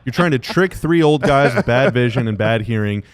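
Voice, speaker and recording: A man's voice: mid-range voice, a little fast. Opinionated man on a sports podcast. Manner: animated, opinionated, repeats phrases for emphasis. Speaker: podcast co-host. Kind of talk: casual sports chat.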